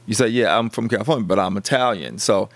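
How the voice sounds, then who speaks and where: A middle-aged American man co-hosts a podcast, chatting casually and restarting his sentences with frequent stammers. His voice is on the low side, and he talks fast.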